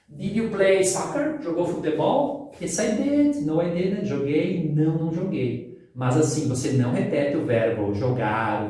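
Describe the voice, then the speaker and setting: A man teaches an English grammar lesson in a mellow, slightly raised voice. He explains patiently, step by step. He sounds set back from the mic in a strongly echoing room. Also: fairly high pitch. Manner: patient, explains step by step, switches between English examples and Portuguese. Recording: very echoey room, far from the mic.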